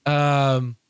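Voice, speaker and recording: Upbeat podcast host, dry sound. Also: male voice, mid-range voice, smooth, no room sound. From Brazil. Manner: enthusiastic, laughs often, repeats words. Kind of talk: casual tech chat.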